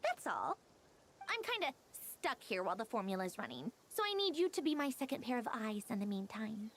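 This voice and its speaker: A woman's voice: a little high, huge pitch swings, fairly quick, full character voice. A woman voicing a haughty, impatient young female inventor with a smug, exasperated drawl in an anime video game.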